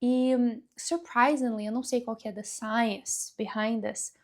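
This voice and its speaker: Young woman teaching, slow and deliberate. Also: on the high side, steady tone. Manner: mixes English words into Portuguese speech; speaks slowly and deliberately. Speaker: English teacher. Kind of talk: casual video lesson.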